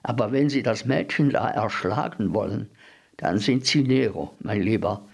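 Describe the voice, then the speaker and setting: A man's voice: on the low side, moderate pace, gravelly, slightly rough. A man voicing an eager, bookish man who lectures insistently in a story reading. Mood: lecturing. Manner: didactic, insistent, repeats questions.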